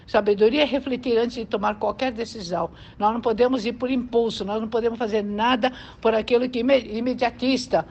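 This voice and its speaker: A Brazilian woman preaches with a highish voice that is gravelly, husky and a little mellow, speaking fairly fast with fairly even intonation and few pauses. In a conversational sermon she keeps asking whether her listeners agree; her accent is Brazilian Portuguese, and the lo-fi audio is dull with faint noise.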